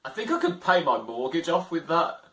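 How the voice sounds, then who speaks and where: A man's voice: fairly high pitch, sing-song, normal speed, fairly bright tone. A man playing a quiz game, commenting frankly and swearing, laughing at himself. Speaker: gamer. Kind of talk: casual let's-play commentary. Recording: roomy distant mic. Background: game music.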